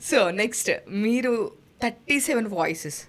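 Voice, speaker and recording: A woman interviewing a guest, asking questions in a relaxed way and mixing English words into her talk. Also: on the high side, moderate pace.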